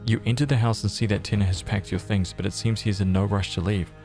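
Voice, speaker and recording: A man's voice: on the low side, steady tone, fast talker, vocal fry, a little mellow, soft background music. A man hosting a gaming video, reading game text aloud with casual slang reactions.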